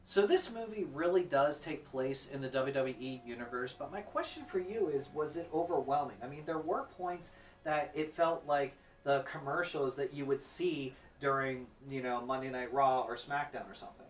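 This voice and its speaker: A man's voice: medium pitch, moderate pace, far from the mic. A man co-hosting a casual review chat about wrestling films, enthusiastic and conversational.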